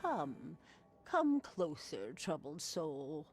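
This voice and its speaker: An actress voicing a cryptic, sly fortune teller in a video game, speaking in a theatrical, mysterious manner with a breathy, husky voice. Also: female voice, sits low, wildly swooping pitch, very slow, a little mellow, soft background music, heavily acted. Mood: mysterious, teasing. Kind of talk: dramatic video game acting.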